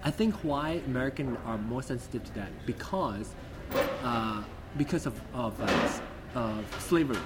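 A man's voice: medium pitch, lively intonation, moderate pace, very noisy. Hesitant man hosting a podcast chat. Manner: hesitant, restarts often. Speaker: podcast host. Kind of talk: casual chat.

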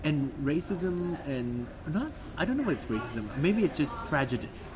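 A man's voice: fairly high pitch, big pitch swings, normal speed, crowd noise. A man hosting a casual podcast chat, talking hesitantly with frequent restarts. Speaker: podcast host.

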